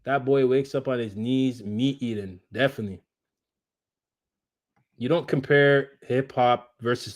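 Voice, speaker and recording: A man's voice: mid-range voice, a bit bright. A man live streaming, ranting combatively at his chat and repeating his jabs. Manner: combative, repetitive, talks straight at chat. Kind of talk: heated live-stream rant.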